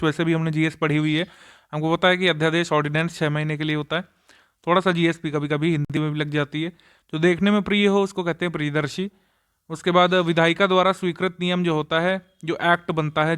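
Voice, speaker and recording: A male teacher works through exam questions in a patient walkthrough, explaining why each option is right or wrong. His voice is smooth and resonant, sitting slightly higher than most men's. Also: a bit bright.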